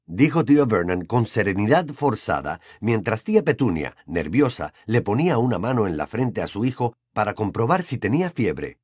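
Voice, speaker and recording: A man narrating an audiobook in an expressive storytelling manner. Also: on the low side, moderate pace, hardly any pauses, breathy edge, no room sound, clean studio sound. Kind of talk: scripted narration.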